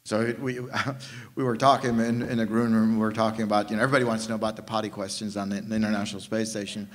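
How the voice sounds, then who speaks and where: A man in his fifties, from Jamaica, speaking on a conference panel into a table mic, animated and prone to restarting his sentences. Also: lowish voice, fast. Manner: animated storytelling with frequent restarts. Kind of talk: panel discussion. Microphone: table mic on stand.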